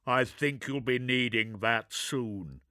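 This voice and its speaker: A man's voice: mid-range voice, pushed and bright, dry recording. Man doing a dry, over-enunciating armoured warrior. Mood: solemn. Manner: over-enunciates every syllable, slow and measured. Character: towering armoured male warrior, cold and solemn.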